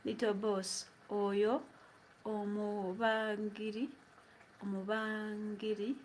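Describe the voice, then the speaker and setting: With a mid-range, somewhat dark voice, a young woman with a Ugandan accent chats while cooking at home. She's a vlogger answering viewers' live questions, reading them aloud, laughing a lot and slipping between English and Luganda in her kitchen.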